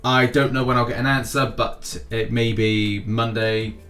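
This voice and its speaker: With background music playing, a mobile game news channel host gives his viewers a gaming news update in a casual, chatty style, full of jokey asides and emphatic, sing-song delivery. His medium-pitched voice is fairly bright, measured in pace, and flat in delivery.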